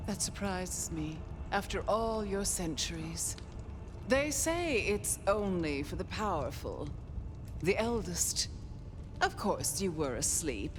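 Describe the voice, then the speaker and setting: An actress playing a haughty, eccentric ancient vampire in a video game, languid and condescending, given to dreamy reverie. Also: female voice, fairly low pitch. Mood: ominous, knowing. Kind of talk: dramatic video game acting.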